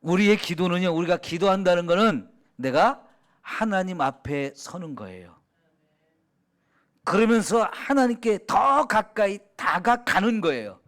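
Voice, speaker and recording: High-voiced Korean pastor with a Chungcheong accent. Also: male voice. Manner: conversational, asks the congregation questions and answers them; drops to a soft hush when quoting prayers. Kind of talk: sermon.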